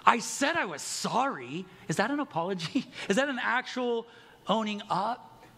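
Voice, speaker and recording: A man's voice: fairly high pitch, fairly bright tone, big-room sound. A middle-aged man preaching a sermon as pastor, candid and conversational, with self-deprecating humor.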